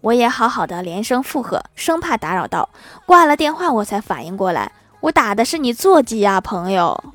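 A young woman telling a string of casual comic anecdotes and landing the punchlines deadpan. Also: fairly high pitch, moderate pace, hardly any pauses, no room sound. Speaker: storyteller.

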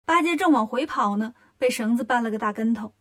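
Lively woman storyteller, fairly high voice. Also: fairly quick. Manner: lively, expressive reading. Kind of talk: children's story narration.

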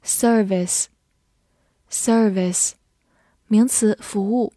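Slow, mellow woman reading vocabulary. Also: mid-range voice, no echo, studio quality. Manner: says each word twice slowly, then calm definitions. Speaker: English vocabulary teacher.

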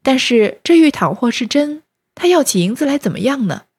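A woman narrating a classic novel as a storyteller, with a steady retelling that lightly acts out the speech. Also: high voice, normal speed, slightly rough.

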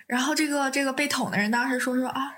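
A young woman with a higher-pitched voice, chatting casually. She rambles along, corrects her own slips and laughs often. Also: fairly even intonation, fast, fairly bright tone, slight background noise. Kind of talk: casual chat, retelling a TV drama plot.

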